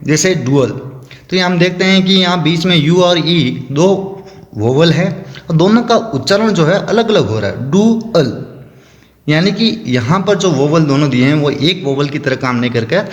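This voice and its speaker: A man teaching a lesson, slowly and methodically explaining rules and spelling out example words. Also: fairly high pitch, animated, dull audio. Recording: echoey room with long reverb.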